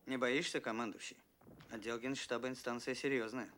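A man acting a reflective, candid middle-aged commissar in a war film. The voice sits at an average pitch, with faint noise behind it. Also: steady tone, fairly quick, fairly bright tone, lightly acted. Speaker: political commissar.

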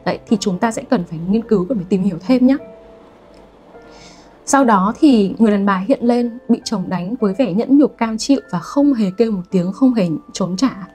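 A young adult woman giving an online literature lesson, lively and always asking her students rhetorical questions. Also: on the high side, moderate pace, soft background music. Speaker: literature teacher.

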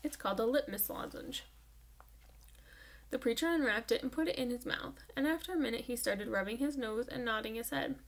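A woman's voice: a little high, quick pace, hardly any pauses. A woman reading a children's novel aloud with an engaged storytelling delivery. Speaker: audiobook reader.

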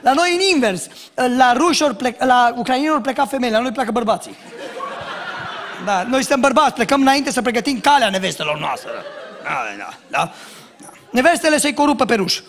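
A man preaching a sermon as pastor, telling jokes and acting out shouted lines and dialogue. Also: very high-pitched. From Romania. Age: young adult. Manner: animated storytelling, acts out shouts and dialogue, jokes.

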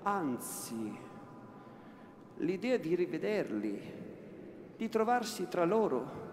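A man, an actor, giving a slow dramatic reading of a classic novel, repeating words for weight, in a large cathedral. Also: high-pitched, sing-song. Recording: echoey cathedral, long reverb, faint room noise.

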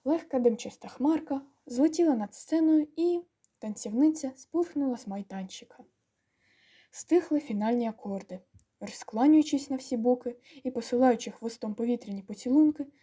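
A woman narrating an audiobook with lively, expressive storytelling. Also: high voice, normal speed, breathy edge.

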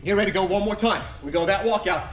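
An energetic male aerobics instructor with a high-pitched voice, recorded in a large, echoey gym studio. He barks short moves and countdowns as he exercises, urging the class on. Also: fast, faint music behind. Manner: energetic, clipped, encouraging commands while exercising. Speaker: fitness instructor leading an online workout class. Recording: echoey large empty room.

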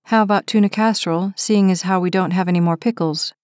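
A tired, guarded young woman answers softly and evasively in an audiobook romance, as a woman reads her. Her voice is at a middle pitch. The recording is close and dry. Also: steady tone, fast talker, no room sound, lightly acted. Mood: weary. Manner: soft, evasive. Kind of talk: audiobook character reading.

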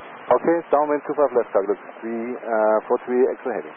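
A man's voice: medium pitch, a little fast. A man, a cargo pilot, making hesitant radio calls from his cockpit headset, full of fillers and clipped phrasing. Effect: radio transmission from a cockpit headset. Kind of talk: radio calls to air traffic control. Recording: tinny radio band with faint static.

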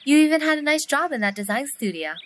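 A woman voicing a cheerful, easily embarrassed young wife in her twenties in an indie game, lively and gently scolding. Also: sits high, quick pace, background noise. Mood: gentle.

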